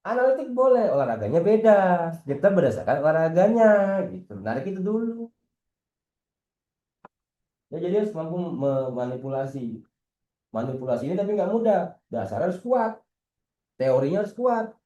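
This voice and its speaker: Male coach, casual and teasing, lively delivery, roomy echo. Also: a little high, normal speed, long pauses, highs cut off. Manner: lively, slangy, teasing, asks rhetorical questions. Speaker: football coach. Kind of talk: casual internal coaching meeting.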